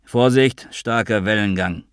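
A man's voice: lowish voice, measured pace, clear, resonant tone, dry recording, clean studio sound, lightly acted. A man reading an audiobook, voicing a flustered man who covers with sarcastic bravado.

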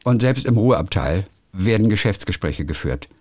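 A man's voice: lowish voice, lively intonation, moderate pace, darkish tone, dry recording, studio quality. A man co-hosting a casual phone chat, giving an earnest, opinionated take and getting worked up. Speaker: radio presenter, co-host.

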